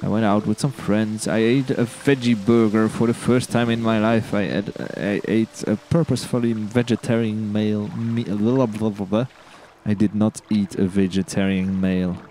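A man's voice: on the low side, steady tone, normal speed, mellow, a little hiss or hum. A man hosting a video game let's play, chatting casually and rambling, tripping over his words in a giddy, upbeat mood. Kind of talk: casual gameplay commentary.

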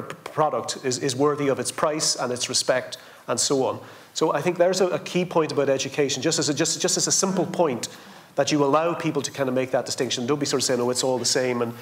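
An older man, making emphatic points on a conference panel and repeating words for stress. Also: medium pitch. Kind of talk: panel discussion. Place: indoor conference stage.

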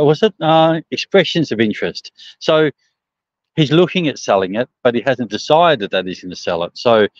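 A man's voice: fairly low pitch, no echo. A middle-aged man with a broad Australian accent chatting casually on a livestream outdoors, rambling and hesitant in colloquial language. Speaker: truck driver livestreaming. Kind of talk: casual live chat answering viewer comments. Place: outdoors on a service station forecourt. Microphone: phone propped at about arm's length. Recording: dull, slightly muffled phone livestream.

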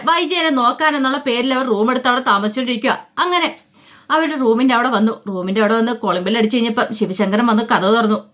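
A woman's voice: on the high side, fairly bright tone. A woman narrating a dramatic story in a casual, colloquial way, reading every character's lines in her own voice.

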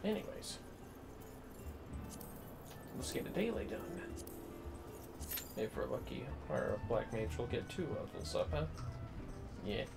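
Over music, a man with a mid-range voice streams games from home, slow and very animated, with vocal fry and long pauses. He talks to himself and tosses lighthearted comments to viewers.

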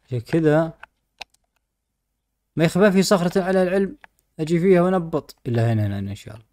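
A man's voice: fairly high pitch, fast talker, darkish tone. A man with a Gulf Arabic accent giving informal gameplay commentary, often talking to himself and to the animals in the game. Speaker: gaming video host.

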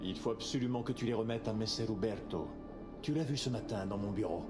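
A man's voice: fairly low pitch, fairly quick, lightly acted. An actor voicing a middle-aged father and nobleman in French-dubbed video game dialogue, commanding and defiant. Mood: urgent. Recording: game audio with music and crowd.

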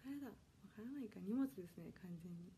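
This woman in her twenties, from Kanagawa, Japan, has a mellow mid-range voice, quick and expressive, with a little hiss or hum. She's chatting casually and politely on a solo idol audition livestream from her home. Viewer comments get read aloud, and she apologizes often.

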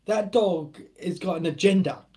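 A man's voice: high-pitched, moderate pace, mellow. A British man hosting a live stream in a casual, joking way, often laughing as he chats. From United Kingdom. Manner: jokey and joshing, laughing often. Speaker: host.

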